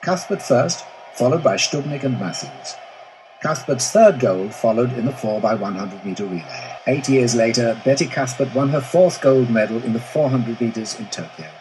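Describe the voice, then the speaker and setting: A man narrating an old sports newsreel in a steady, scripted announcer style. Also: medium pitch, moderate pace. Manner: steady announcer delivery reading results. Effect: old newsreel soundtrack. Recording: distant, noisy old newsreel soundtrack.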